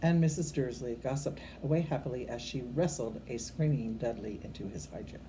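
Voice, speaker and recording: An older woman with an extremely low-pitched voice reads a storybook aloud to children, a little fast, like a grandmother. Her reading is expressive but homely and unpolished; she occasionally stumbles over words, corrects herself, and adds informal asides to the kids. It's a low-quality amateur recording with faint background noise.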